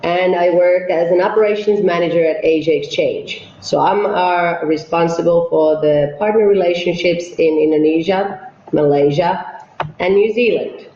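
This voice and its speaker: A woman's voice: on the low side, normal speed, dark tone, slight background noise. A woman from Finland, an operations manager, hosting an online webinar and walking viewers through polls and a presentation. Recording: echoey, dull webinar audio.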